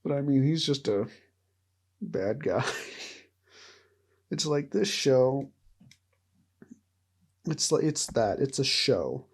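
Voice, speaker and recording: Slow, rambling young man vlogging. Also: medium pitch, animated, husky. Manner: rambling, laughs often, trails off and restarts. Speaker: vlogger ranking show characters. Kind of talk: casual rambling commentary.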